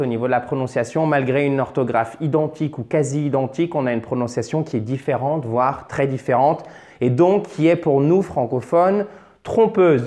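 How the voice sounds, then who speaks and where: A man's voice: on the high side, a little mellow. Talkative male English teacher. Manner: patient, repeats and drills English words slowly; chatty asides, self-corrections. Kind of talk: French-language English lesson at a board.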